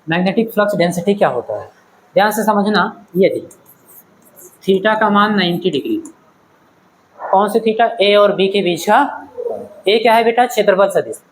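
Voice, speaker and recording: A man's voice: high voice, lively intonation, normal speed, pauses often, slight background noise, rough recording. Male physics teacher, faint ambience. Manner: questioning, checks understanding, calls students "beta". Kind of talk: classroom lecture.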